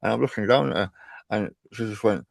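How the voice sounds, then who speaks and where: A man's voice: lowish voice, a little fast, creaky, dry recording, clean studio sound. A man chatting casually as an interview guest, self-deprecating and often repeating words as he goes. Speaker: podcast guest, cancer survivor.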